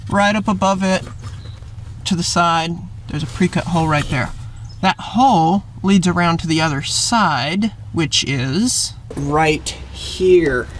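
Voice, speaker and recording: Over slight background noise, a man with a slightly high voice walks viewers through a practical job. His how-to video is casual, plain-spoken and explanatory.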